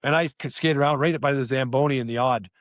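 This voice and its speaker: Middle aged ex hockey guy telling stories, swears, mid pitch, dry sound. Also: fast talker, dry recording. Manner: animated, swearing. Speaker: former hockey player, podcast guest. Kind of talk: casual podcast storytelling.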